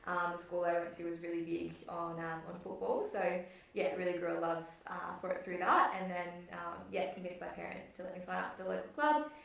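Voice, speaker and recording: A young woman from northern New South Wales, Australia, a football program coordinator, answers interview questions as a guest in a friendly but hesitant way, with many ums. Her voice is on the low side, creaky and a bit bright, and she speaks briskly. The recording is echoey, with her distant from the mic.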